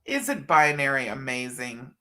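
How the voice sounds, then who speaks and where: Here a middle-aged woman runs a relaxed livestream, chatty and affectionate as she reads comments and addresses viewers as hun and honey. Her voice is rumbling and low, pushed and bright, with big pitch swings at a measured pace, and allergies make her stuffed up and a little scratchy.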